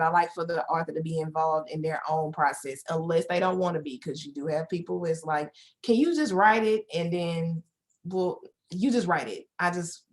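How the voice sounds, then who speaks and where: A woman, a book publisher and editor giving a casual presentation on a video call, chatty and talking straight to her viewers. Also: lowish voice. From Houston, Texas. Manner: chatty, many "like" fillers, talks straight to viewers. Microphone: video call microphone.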